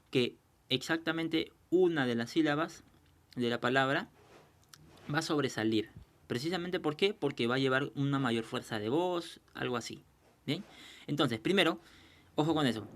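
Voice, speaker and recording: A man teaching a recorded lesson, explaining patiently, checking understanding and slowing down to sound out example words. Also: mid-range voice, fairly bright tone.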